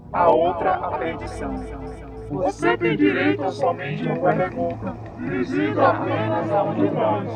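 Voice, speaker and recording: A man voicing a pair of stern, ancient female sphinxes, heard as a man and a woman speaking together in unison, solemn and measured over loud music. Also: extremely high pitch, voice pushed up, heavily acted. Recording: loud music bed behind voice.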